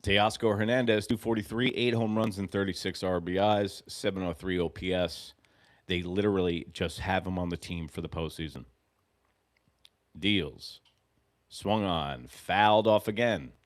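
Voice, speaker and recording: A New York man in his forties hosts a live fan reaction stream, calling pitches at a moderate pace and drifting into rambling, profane stories. He swings between muttering and shouting.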